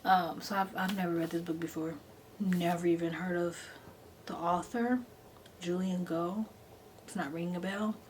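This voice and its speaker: A woman with a slightly low-pitched voice talks through books as a chatty, gushing reviewer. She is informal and enthusiastic, repeating words for emphasis. There is noticeable noise behind her voice. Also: fairly even intonation, normal speed, darkish tone. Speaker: book reviewer and vlogger.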